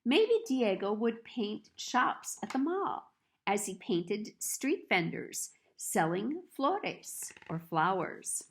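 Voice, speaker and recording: This gravelly-voiced woman narrates a children's picture book at an unhurried pace, each phrase placed on purpose. Her mid-range pitch climbs and dips expressively, keeping the telling lively.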